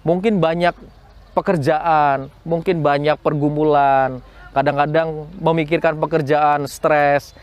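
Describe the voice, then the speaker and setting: A man's voice: a little high, steady tone, a little slow, smooth. A man giving a morning devotion to schoolchildren, repeating lines and asking rhetorical questions. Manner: repetitive, rhetorical questions, preachy. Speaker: school chaplain. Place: cool outdoor spot.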